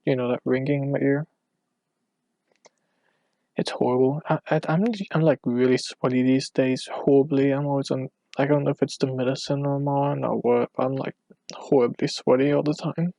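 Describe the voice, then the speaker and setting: A man's voice: mid-range voice, level tone, normal speed, creaky, warm tone, no echo. A man hosting his first solo podcast from home at night, rambling and hesitant, often out of breath, on a cheap microphone. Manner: meandering, hesitant, full of restarts and fillers. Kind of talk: rambling casual monologue.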